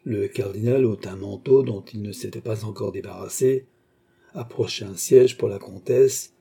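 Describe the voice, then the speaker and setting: A man reading classic novel narration in a measured, even manner. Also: lowish voice, slightly rough. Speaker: audiobook narrator. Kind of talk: scripted narration.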